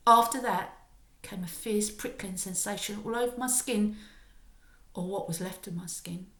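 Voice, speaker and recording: A woman with a mid-range voice gives a children's story the expressive, emphatic, dramatic reading a primary school teacher would. The recording has a roomy sound.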